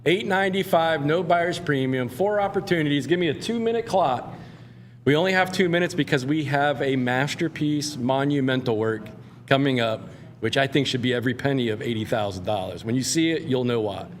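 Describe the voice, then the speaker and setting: A man working as an auctioneer, giving a live sales pitch with urging, repeated calls for bids. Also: brisk, a little hiss or hum. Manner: urging, repetitive.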